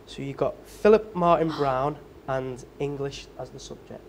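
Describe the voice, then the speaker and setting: A man's voice: mid-range voice, normal speed, gravelly, a little hiss or hum. A young man hosting a staged quiz show, with upbeat, teasing presenter patter. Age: young adult.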